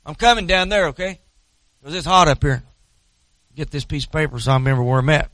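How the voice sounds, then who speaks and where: A man's voice: fairly high pitch, fast talker, a bit bright, no room sound. A man in his forties with a Southern US accent preaching in a folksy, storytelling way, repeating phrases for emphasis. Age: 40s. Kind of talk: impassioned sermon with storytelling.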